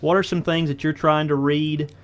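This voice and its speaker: A man hosting a local high school sports radio show, asking folksy leading questions. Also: level tone, moderate pace. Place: radio studio.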